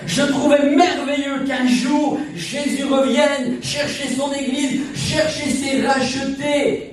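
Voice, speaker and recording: High-voiced man in his sixties preaching. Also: level tone, slow pace, faint music behind. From Portugal. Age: 60s. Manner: emphatic, repetitive, preacherly cadence. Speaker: evangelist preacher. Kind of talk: sermon. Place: church sanctuary. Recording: echoey church from far off.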